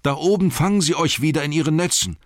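A man voicing a small, brave hobbit who calls out loud, urgent warnings. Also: on the high side, fast, no room sound, clean studio sound, voice pushed up, natural voice.

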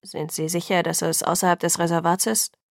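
A woman reading Charlie, gruff small-town father. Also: fairly low pitch, little pitch movement, a little fast, no echo, studio quality. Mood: worried, brisk.

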